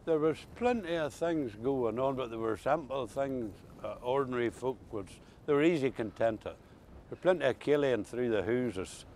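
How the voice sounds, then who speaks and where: A man's voice: medium pitch, normal speed, darkish tone, a little hiss or hum. An older man with an Ulster Scots accent, reminiscing in a casual chat with folksy, dialect-rich storytelling. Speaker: interviewee recalling old country life.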